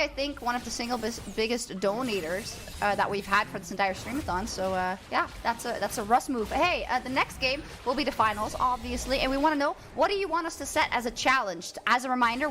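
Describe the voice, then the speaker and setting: High-voiced woman esports caster. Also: fairly quick, few pauses, pushed and bright, faint music behind. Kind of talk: live esports commentary.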